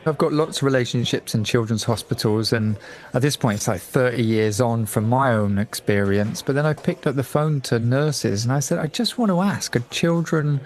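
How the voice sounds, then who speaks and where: On a radio talk show, a middle-aged man from England tells a lively story from his own life, mimicking the voices of those he quotes. He speaks at a normal speed in a mid-range voice.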